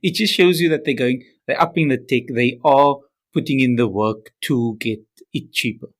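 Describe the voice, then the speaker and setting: Rambling South African man, mid-pitch voice. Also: normal speed. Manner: rambling, hesitant restarts, chuckling. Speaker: tech podcast co-host. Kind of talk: casual tech chat.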